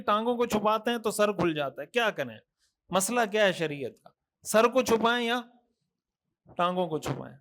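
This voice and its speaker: A man delivering a sermon in a very high voice. He admonishes earnestly, asks rhetorical questions and stacks repeated phrases. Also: fairly bright tone. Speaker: mufti preacher. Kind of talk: Thursday night sermon.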